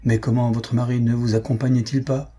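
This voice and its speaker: A man's voice: mid-range voice, little pitch movement, brisk, dark tone, breathy edge, natural voice. A man voicing an earnest young man in love in an audiobook reading, his voice a little raised.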